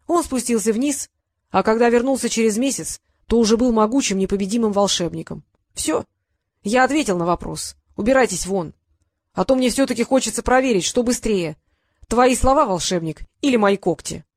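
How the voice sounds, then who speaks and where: A woman's voice: a little high, moderate pace, a little mellow, no room sound, clean studio sound. A woman reading the part of a haughty, threatening male sphinx in an audiobook. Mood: smug. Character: knowing, prickly male sphinx monster.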